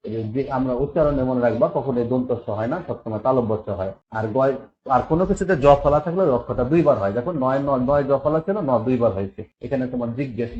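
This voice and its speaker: A man teaching a pronunciation lesson to schoolchildren, explaining step by step and repeating words slowly to drill them. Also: medium pitch, darkish tone. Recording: slightly dull lo-fi recording with faint noise.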